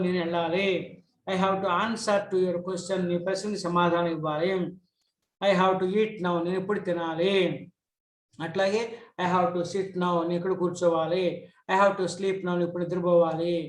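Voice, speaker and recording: A middle-aged man who speaks Telugu as his first language teaches English grammar. He reads English examples slowly, then explains them quickly. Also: high-pitched, steady tone. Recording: echoey room.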